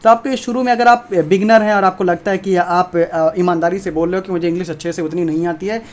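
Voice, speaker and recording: A man gives an informal exam prep lesson on video at a rapid pace. He is emphatic and repeats his points, speaking straight to his viewers. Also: sits high, steady tone.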